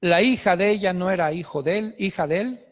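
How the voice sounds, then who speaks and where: A man's voice: high voice, a little fast, in a large hall. A male pastor, preaching a sermon with emphatic storytelling.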